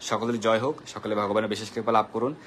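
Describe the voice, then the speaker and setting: A man's voice: on the low side, fairly even intonation, fast, fairly bright tone, a little hiss or hum. A man hosting a live devotional question-and-answer session, patiently explaining and greeting viewers by name. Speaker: devotional Q&A host.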